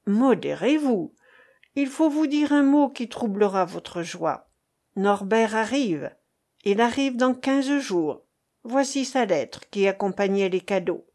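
A woman's voice: fairly high pitch, expressive, takes it slowly, darkish tone. A woman voicing a scheming, mocking old female servant, reading an audiobook in a scolding, teasing way. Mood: calm.

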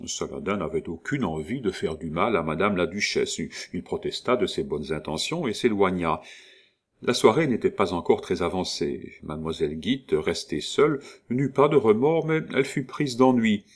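A man's voice: deep voice, expressive, normal speed. A man narrating an audiobook, reading expressively with occasional hesitations.

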